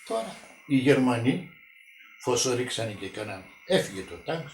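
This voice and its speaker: A man, telling his wartime memories in a halting, repetitive way during an oral history interview at home. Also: medium pitch, very animated. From Greece. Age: 90s. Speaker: witness interviewee. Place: village home indoors. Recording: echoey room with faint noise.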